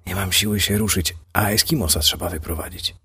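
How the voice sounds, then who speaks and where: A worn-out husband in his fifties answers quietly and sheepishly, as a man reading the story does his voice. The tone is very low and breathy, with a husky grain. It belongs to a storybook reading. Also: a little fast, exaggerated voice. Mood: weary. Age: 50s. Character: worn-out fifty-one-year-old husband, sheepish.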